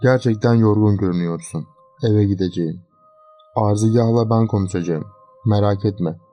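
A cold, menacing young fiancé, as a male narrator puts him on for a horror storybook, with a low, dark voice. He speaks in a flat, cool, threatening way, and faint eerie music sits behind him. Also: normal speed, natural voice.

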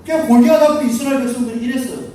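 A man's voice: very high voice, rapid-fire, warm tone, a little hiss or hum. A man preaching to children, telling a Bible story playfully and with sound effects. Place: church hall. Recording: echoey hall from far off.

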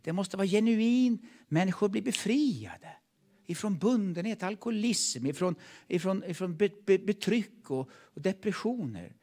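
A man with a Swedish accent preaching a sermon in a church, emphatic and repeating words, dropping from loud calls to hushed tones. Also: sits high, animated. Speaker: pastor. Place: church hall.

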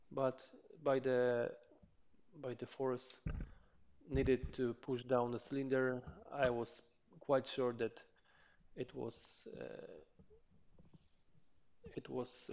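In his cluttered home workshop, a Polish-native man in his thirties who hosts a motorcycle mechanic channel walks through an engine rebuild as a hands-on tutorial. His medium-pitched, gravelly voice comes out slow and halting, with many filler sounds and restarts.

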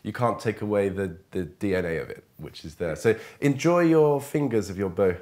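Lowish-voiced man coaching a musician. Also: moderate pace. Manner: animated, searching for words, restarts phrases. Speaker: music teacher giving a masterclass. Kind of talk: one-on-one instrumental coaching.

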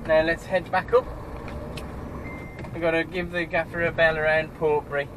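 Young British male truck driver, upbeat and chatty, recorded in the cab over clear road noise. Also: a little high, flat delivery, moderate pace. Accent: British English. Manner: chatty, upbeat commentary to viewers. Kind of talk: casual driving vlog. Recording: road and engine noise behind.

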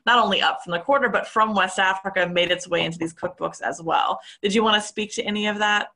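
A woman's voice: mid-range voice, fast, sharp tone. A woman moderating a Q&A session, reading out audience questions and adding her own remarks, with many fillers.

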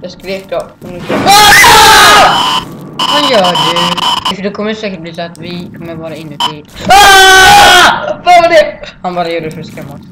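A woman playing a horror game, screaming and shouting repeated commands in panic. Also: lowish voice, big pitch swings. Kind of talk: frightened gaming commentary. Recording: loud hiss with keyboard clicks.

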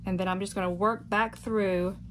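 Clear room noise sits behind a woman recording at home. She has a medium-pitched voice and narrates a hands-on lesson casually, step by step, as if thinking aloud while she works. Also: fairly even intonation, normal speed. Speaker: quilting instructor. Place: indoor home sewing room.

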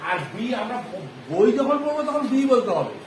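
A male primary school teacher giving a phonics lesson to a class, often asking questions and repeating answers slowly. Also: extremely high pitch, sing-song. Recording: echoey classroom with background noise.

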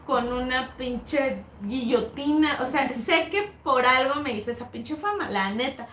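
Woman, Mexican accent, casual storytelling, lots of swearing, high voice, faint background noise. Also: a little slow, recorded from a distance. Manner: swears often, acts out quoted lines, animated storytelling. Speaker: co-host. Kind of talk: casual chat. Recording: echoey room with faint noise.

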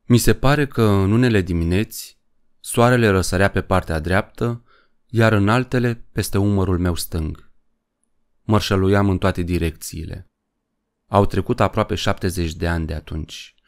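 A frail old soldier speaks in a trembling, tired voice, as a man reads him aloud in an audiobook. He sounds weary and wistful, his tone low and deep. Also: clear, resonant tone.

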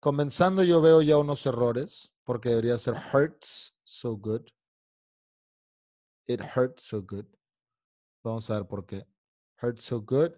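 A man's voice: mid-range voice, slow, pauses often, warm tone, dry recording, clean studio sound. A man teaching an online English class, explaining in Spanish and drilling pronunciation by singing along to lyrics. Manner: irritated, scolding a heckler.

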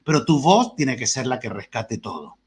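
A man giving an animated, playful online lecture to teachers over a video call from a lit room at home. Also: mid-range voice, moderate pace. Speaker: guest lecturer. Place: home room with green wall and lights.

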